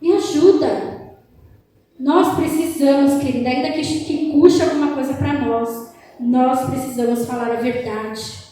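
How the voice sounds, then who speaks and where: A woman's voice: high voice, steady tone, unhurried, warm tone, a little hiss or hum. A woman preaching a sermon with passion, often slipping into sung tones. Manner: impassioned, drifts into sung tones. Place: church hall. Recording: echoey church hall, mic far off.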